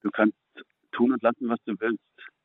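A middle-aged man giving an earnest personal faith testimony as a guest, speaking haltingly and repeating words when moved. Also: medium pitch, little pitch movement, no echo. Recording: phone-like, narrow and dry.

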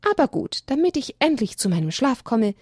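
A woman's voice: sits high, sing-song, fairly quick, a little mellow, husky, no room sound, clean studio sound, pitched above the performer's own voice, full character voice. A woman voicing a grumpy, sleepy creature hiding in a tree in a children's story. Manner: grumpy, scolding.

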